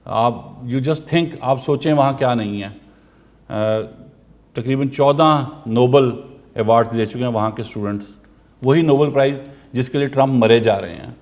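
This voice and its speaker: A man's voice: medium pitch, a little mellow. A man, delivering a political commentary monologue, firing pointed rhetorical questions.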